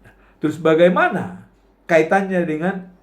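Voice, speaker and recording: A man delivers a sermon at a slow, deliberate pace. His pitch swings widely and sits a little high, climbing sharply at his points of emphasis. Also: lively intonation. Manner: slow, emphatic preaching with rising outbursts when quoting. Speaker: preacher.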